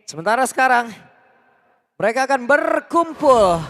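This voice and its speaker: An esports shoutcaster with an Indonesian accent calls a live match like an excited fighting game announcer, with dramatic, drawn-out shouted callouts. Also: sits high. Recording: music behind the commentary.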